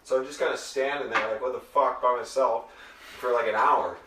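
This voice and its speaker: A man's voice: mid-range voice, fairly even intonation, a little fast. Young man telling a rambling story. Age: young adult. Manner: swearing storyteller, acts out quotes. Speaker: podcast co-host. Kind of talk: casual chat. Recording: echoey room, far mic, faint noise.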